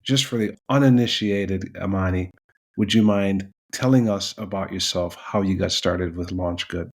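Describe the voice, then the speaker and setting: Male podcast host, lowish voice, measured delivery. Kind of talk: podcast interview.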